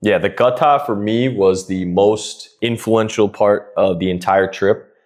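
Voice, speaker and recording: With a lowish voice and a measured pace, a man in his twenties hosts a podcast. His style is relaxed and amiable, peppered with many "uh" sounds.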